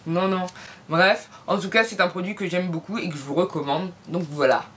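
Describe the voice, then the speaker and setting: A woman's voice: on the low side, normal speed, a bit bright. A woman reviewing beauty products in a casual vlog from home, talking to viewers with playful, jokey asides. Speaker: beauty vlogger.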